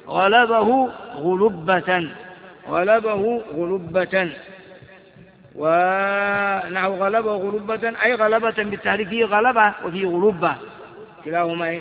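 A man's voice: high voice, vocal fry. A man teaching a grammar lesson, reciting word patterns and examples and asking his listeners questions. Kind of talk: Arabic grammar lesson explaining verbal noun patterns. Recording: dull recording with long hall reverb.

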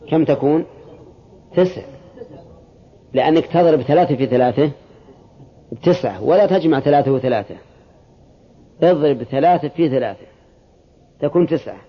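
A man's voice: fairly high pitch, slightly rough, muffled recording. A man teaching a religious classroom lesson, explaining step by step and asking his students short questions.

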